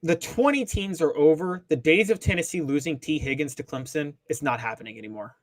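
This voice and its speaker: A man co-hosting a sports talk show, talking casually with emphatic, animated delivery. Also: fairly high pitch, fairly quick, no room sound.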